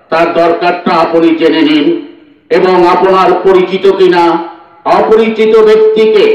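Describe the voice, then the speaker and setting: Guy on a loudspeaker doing a slow formal announcement, highish voice, far off and echoey. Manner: slow, measured, declaiming in short phrases. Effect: through a loudspeaker. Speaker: public announcer. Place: outdoors in a village. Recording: distant, echoey, dull loudspeaker sound.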